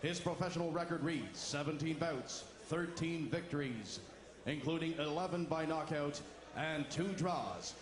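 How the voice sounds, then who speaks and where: A man working as a boxing ring announcer, formally presenting in French and English with ceremonial, drawn-out delivery. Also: a little high, crowd noise. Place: boxing arena. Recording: echoey arena PA with noise.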